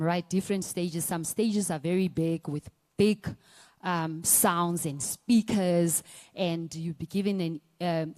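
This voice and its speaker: A woman's voice: on the low side, a little mellow. A woman, a singer giving a personal testimony talk at a conference, hesitant, with many fillers and restarts. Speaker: singer and performer sharing her story.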